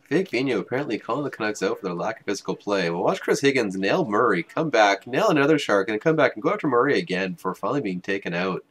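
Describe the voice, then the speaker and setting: A young man giving joking, wry play-by-play voice-over of game highlights. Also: lively intonation, fast, hardly any pauses, a bit bright. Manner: wry, joking, self-mocking. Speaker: highlights commentator.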